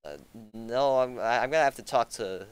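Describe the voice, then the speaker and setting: A young man narrating as game master, halting and hesitant with many fillers. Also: medium pitch, clean tone.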